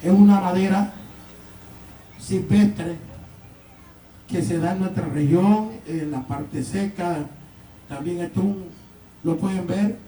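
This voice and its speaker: A man with a Colombian Caribbean Spanish accent explaining instrument making in a live demonstration, step by step and haltingly, recorded on a distant mic in a roomy space. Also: sits high, dark tone, slight background noise. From San Juan Nepomuceno, Colombian Caribbean. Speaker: gaita musician and instrument maker.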